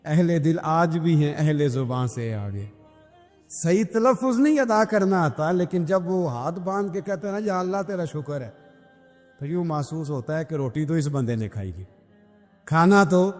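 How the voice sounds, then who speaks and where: A man's voice: a little high, darkish tone. A male preacher giving a sermon, telling a story and asking his listeners rhetorical questions to keep them engaged. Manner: engaging, checks the audience is listening. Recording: reverberant hall with faint music.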